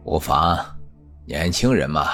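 A man's voice: rumbling low, lively intonation, takes it slowly, creaky, bright, forceful tone, faint music behind, full character voice. A performer voicing a jovial, commanding male pavilion master in an audiobook. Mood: assured. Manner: laughing, easygoing, commanding. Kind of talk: audiobook character voice.

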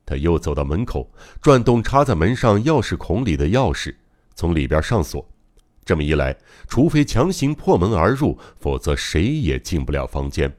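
A man's voice: sits low, big pitch swings, moderate pace, a little mellow. A man narrating a mystery novel as an audiobook, in a dramatic, suspenseful reading. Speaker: audiobook reader.

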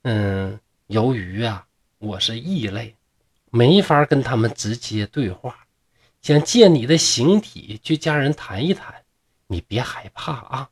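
A man voicing a grieving young woman ghost, speaking softly, low and slowly with drawn-out sighs. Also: lively intonation, breathy edge, exaggerated voice. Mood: mournful.

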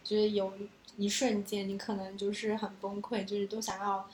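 A woman co-hosting a casual podcast, asking gentle questions and thinking aloud. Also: medium pitch, level tone, normal speed, a little hiss or hum. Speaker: podcast co-host. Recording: echoey room.

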